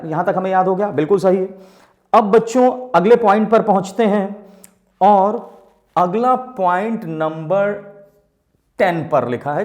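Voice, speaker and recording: Male vocab teacher, high voice, slow deliberate delivery, roomy echo. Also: a little mellow. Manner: addresses students as children, asks questions and answers them himself; spells out and repeats words slowly. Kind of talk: vocabulary lesson for exam students.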